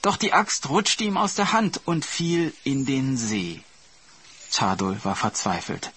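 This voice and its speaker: A man reading a fairy tale aloud in a calm, storybook narration style. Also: medium pitch, takes it slowly, slight background noise.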